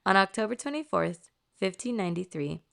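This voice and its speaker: A woman's voice: medium pitch, expressive, a little fast, vocal fry, fairly bright tone. An American woman casually telling a story, saying Spanish names with an American accent. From United States, Los Angeles. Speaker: podcast host.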